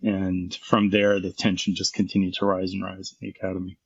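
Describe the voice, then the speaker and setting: A man's voice: deep voice, monotone, a little fast, gravelly, dull audio, slight background noise. A middle-aged man, a former firefighter and paramedic, telling his story frankly and intensely in an interview, swearing freely.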